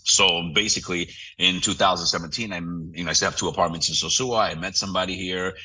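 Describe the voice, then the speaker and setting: Man, very deep voice, rapid talk, bright tone, husky, heard from a distance. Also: steady tone. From Romania. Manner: fast-talking, opinionated. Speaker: real estate broker, guest. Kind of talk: casual interview talk.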